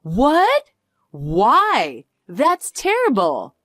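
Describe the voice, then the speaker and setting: A woman's voice: a little high, sing-song, a little slow, no echo. A woman playing a snobbish rich woman who talks down to others with a condescending, sneering manner in a dubbed drama. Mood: dismayed.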